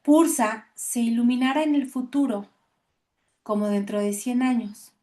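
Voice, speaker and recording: A woman reading the lines of a serene male spiritual teacher, explaining gently and patiently. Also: fairly high pitch, unhurried, lightly acted.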